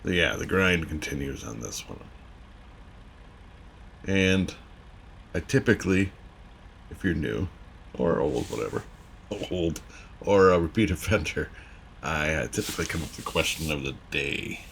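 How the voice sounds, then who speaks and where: A man's voice: extremely low pitch, animated, measured pace, gravelly, long pauses, a little hiss or hum. A middle-aged man from Wisconsin giving chatty, rambling gameplay commentary while driving a truck game. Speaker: gaming YouTuber. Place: home gaming room with driving rig. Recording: loud truck game audio underneath.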